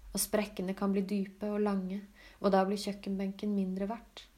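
Flat, mellow-voiced woman reading a novel. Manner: calm, even, low-key reading. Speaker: audiobook reader. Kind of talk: scripted literary narration.

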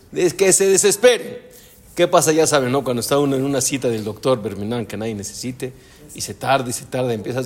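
Animated rabbi telling a story. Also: male voice, mid-range voice, husky. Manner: animated storyteller, addresses listeners with rhetorical questions. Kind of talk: storytelling Torah class.

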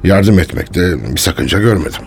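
An actor playing a defensive male archaeologist under police questioning, guarded and quick to take offence, in a radio drama. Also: deep voice, animated. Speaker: suspect being questioned.

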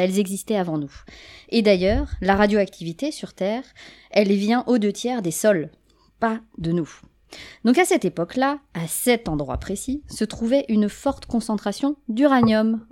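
A woman's voice: mid-range voice, warm tone. A woman presenting a humorous popular science talk, with playful jokey asides to the audience.

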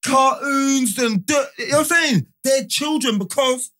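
A man's voice: very high voice, a little slow, sharp tone. A man talking casually and emphatically on a group podcast, repeating words for emphasis. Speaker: podcast co-host.

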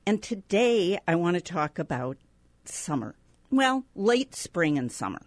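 A woman's voice: fairly low pitch, very animated, measured pace, dry recording. A middle-aged woman hosting a food podcast, chatting enthusiastically and laughing easily. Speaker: podcast host. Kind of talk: casual food podcast chat.

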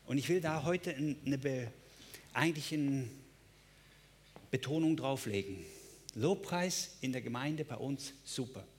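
A man's voice: mid-range voice, unhurried, long pauses, slight background noise. A male pastor preaching a sermon, emphatic, with repeated phrases and direct address to listeners.

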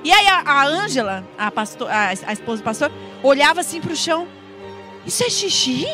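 Woman, high voice, chatty and animated, spinning a funny story, music behind. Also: a little fast. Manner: animated, chatty, laughs while telling. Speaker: guest storyteller. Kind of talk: comic anecdote on a talk show.

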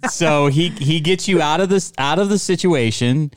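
Male host, mid pitch, smooth and dry, calmly recaps a guest's story. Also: moderate pace, no echo. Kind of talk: interview, retelling the guest's story.

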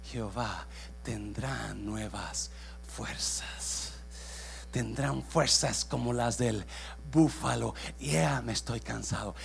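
A male pastor, preaching a bilingual sermon that swings from shouting to hushed whispers and slips into English phrases. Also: medium pitch, vocal fry, a little hiss or hum.

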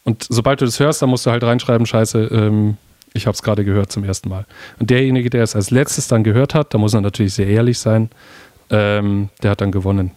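A man from Bavaria chatting as a guest, telling stories in a relaxed way and pausing on fillers as he searches for words. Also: on the low side, no room sound. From Bavaria, Germany. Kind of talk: casual chat.

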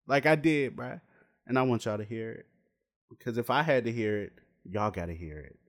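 Male vlog host, casual commentary rant, heavy slang and profanity, mid-pitched with squeaky outbursts. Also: a little fast. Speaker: video host.

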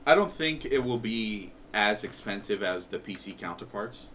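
Man, bright forceful voice, gaming podcast co-host, rambling explanations, faint noise. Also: lowish voice, lively intonation, moderate pace. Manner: rambling, hesitant explanations with restarts. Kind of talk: casual gaming podcast chat.

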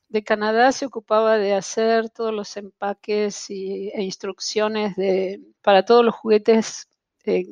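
Her medium-pitched voice is a little mellow, recorded dry with the highs cut off. She's an Argentine translation-tool specialist with an Argentine Spanish accent, interviewed as a guest over video call and using many fillers and restarts.

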